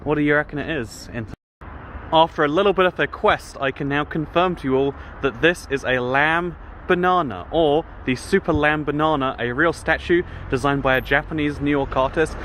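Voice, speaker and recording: Phone in hand, this English vlogger makes wry jokes to the camera as he moves through stations and city streets in casual travel commentary. He speaks at a normal speed in a fairly high, fairly bright voice, with street noise around him.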